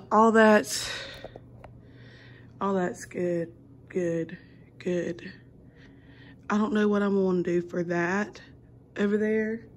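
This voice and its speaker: A woman's voice: mid-range voice, fairly even intonation, very slow, long pauses, a little hiss or hum. A young adult woman, a kindergarten teacher, chatting casually to her camera in a rambling way with lots of ums and restarts. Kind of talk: casual vlog chat.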